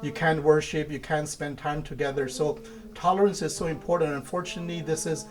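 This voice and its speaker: A man from India, an imam, answering interview questions in a measured way and laying out his points one by one. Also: on the high side, steady tone, over music. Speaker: imam of a mosque.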